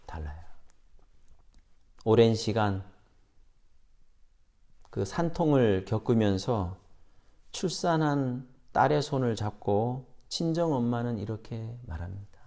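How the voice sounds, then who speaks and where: Man preaching with lively pitch. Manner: dramatic pauses, acting out quoted questions. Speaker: pastor. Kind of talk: sermon. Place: church sanctuary.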